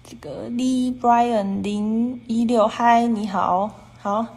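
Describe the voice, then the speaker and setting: This livestream host has a slightly high, steady, somewhat mellow voice and speaks slowly. She rambles and repeats herself, linking clause after clause with "and then" as she talks over viewers' comments.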